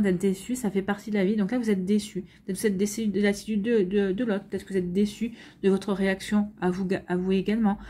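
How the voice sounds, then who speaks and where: A tarot and astrology reader gives a weekly guidance reading, speaking to viewers directly in a hesitant, conversational way with lots of fillers and repeated words. Her voice is mid-range and dark-toned, with a little hiss or hum in the audio.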